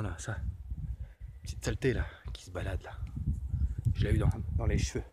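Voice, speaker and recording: A man talks to unseen spirits on a ghost hunt, stumbling and restarting his sentences as he goes. His voice sits at an ordinary middle pitch. He is recorded outdoors. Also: darkish tone, a little hiss or hum. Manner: halting, stammering, restarts often. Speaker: paranormal investigator. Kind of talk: addressing spirits during a ghost hunt session.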